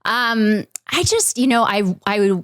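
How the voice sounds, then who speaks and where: A middle-aged woman, a podcast guest, reflectively telling a personal story with many pauses and fillers. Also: on the high side, animated, fairly bright tone, clean tone, no room sound, studio quality.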